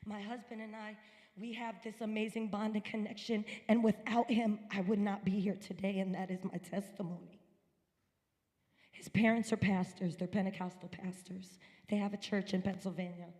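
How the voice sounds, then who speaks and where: Woman from upstate new york telling her testimony at church, mellow voice, long echo off the hall. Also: medium pitch, little pitch movement, moderate pace. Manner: earnest, emphatic storytelling. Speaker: guest speaker at a church service. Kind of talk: personal testimony. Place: church sanctuary.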